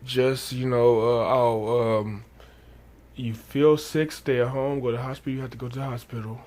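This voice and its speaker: A man vlogging to his channel, reading a news item and then talking casually, sleepy and just woken up, with many halting restarts and fillers. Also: mid-range voice, fairly even intonation, a little mellow.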